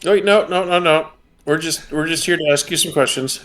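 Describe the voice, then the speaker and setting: A man's voice: fairly high pitch, normal speed, a bit bright, faint music behind. A man playing a tabletop game, chatting casually and joking along.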